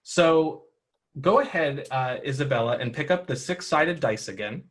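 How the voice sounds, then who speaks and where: A man's voice: medium pitch, expressive, normal speed. A man running a tabletop role-playing game for children, explaining the rules patiently and encouraging the players. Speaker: game master.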